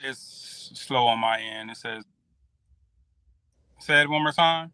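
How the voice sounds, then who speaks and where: Guy calling in from his car, connection keeps cutting out, bright voice, talks in broken bits. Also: medium pitch, clear, resonant tone, dry recording. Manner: halting, fragmented speech. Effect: choppy, breaking-up video call connection. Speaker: community representative guest. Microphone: video call.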